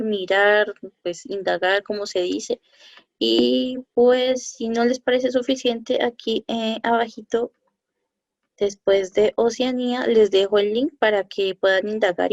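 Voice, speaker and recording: A woman giving a recorded lesson over slides, talking haltingly with many fillers and self-corrections. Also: mid-range voice, vocal fry, no room sound. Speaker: French teacher. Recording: dull lo-fi dry recording.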